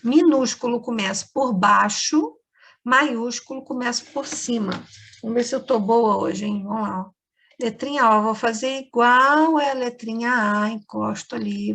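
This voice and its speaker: A woman's voice: fairly high pitch, a little slow, creaky, a bit bright. A woman teacher with a Brazilian Portuguese accent, giving a lesson to children and explaining each step patiently. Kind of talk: remote class lesson for children.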